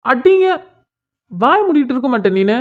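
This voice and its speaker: A woman's voice: high-pitched, very animated, normal speed, narrow, tinny audio. A woman voicing a cocky young male senior who taunts and pesters a girl in a bossy way, in a cartoon story. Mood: taunting.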